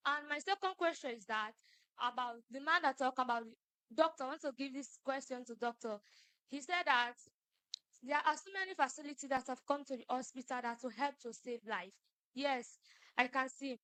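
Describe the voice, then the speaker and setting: Bright-voiced woman questioner. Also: sits high, no room sound. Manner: careful, deliberate questioning. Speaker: audience member asking questions. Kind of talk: press conference question.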